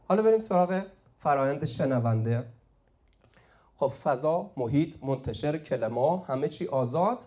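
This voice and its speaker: With a mellow voice on the high side, a man gives a classroom lesson at the whiteboard, frequently quizzing his students and telling them to "say it" so they call out the answer.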